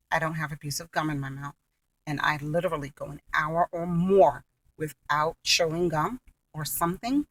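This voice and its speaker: A woman's voice: low voice, distant mic, poor audio. A middle-aged woman talking casually and candidly to camera as a vlogger, earnest and chewing gum as she speaks. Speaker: vlogger sharing her health journey. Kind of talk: casual personal talk to camera.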